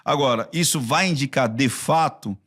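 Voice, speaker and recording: A man from Brazil with a Brazilian Portuguese accent. He is a body-language expert talking in a casual podcast conversation, telling stories in an animated way with frequent restarts. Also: mid-range voice, normal speed.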